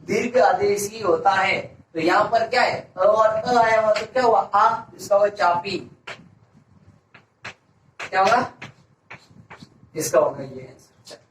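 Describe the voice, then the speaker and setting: A high-pitched male teacher walks through a grammar lesson, asking a question and then giving the answer himself, repeating it for emphasis. His voice sits back from the mic in an echoey room, with a faint hiss underneath. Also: takes it slowly, pauses often, fairly bright tone, distant mic. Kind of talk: classroom-style grammar lesson.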